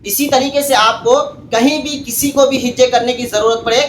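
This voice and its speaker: A man teaching Quran reading, spelling each word out letter by letter and reciting it slowly. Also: extremely high pitch, steady tone. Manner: slow drawn-out recitation between quick explanations. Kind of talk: spelling out Quranic words for learners. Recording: echoey room with faint background hiss.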